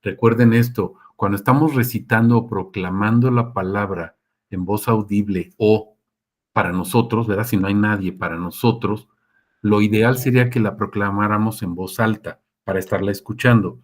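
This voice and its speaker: This male preacher speaks on the low side with a steady tone at normal speed. He keeps it casual and conversational during a sermon with live Q&A, frequently questioning his listeners and acting out quotes as he goes.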